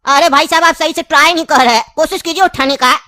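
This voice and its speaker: A woman's voice: high voice, fast, pushed and bright, no room sound. A woman voicing a scheming, insistent old grandfather in a cartoon, speaking with a tinge in a pleading, long-winded way.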